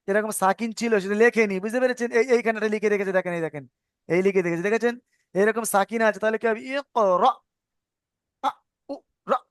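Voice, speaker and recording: Patient, high-voiced male Quran teacher. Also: clean tone, dry recording, studio quality. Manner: patient, repeats sounds and asks if understood. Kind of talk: online tajweed lesson.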